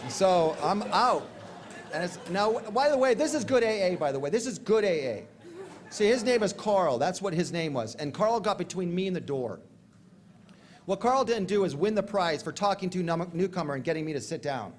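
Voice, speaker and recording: Male recovery speaker with a high voice and faint noise behind him, slangy storyteller with quick asides. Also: expressive. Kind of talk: storytelling talk at a convention.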